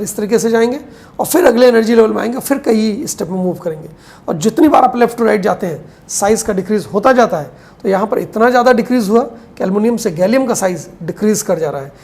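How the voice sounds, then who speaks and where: A woman teaching chemistry in a classroom lecture. She explains step by step, asks questions and answers them herself, and slows down to dictate notes, mixing Hindi with English terms. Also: mid-range voice, gravelly, darkish tone. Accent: Hindi-English mix.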